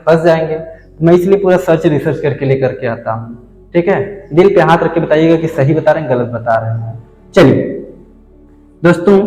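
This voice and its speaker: Male teacher, high voice, lecturing in a roomy, echoing space; quizzes the class and answers himself. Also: darkish tone. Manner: explains at a board, asks and answers his own questions.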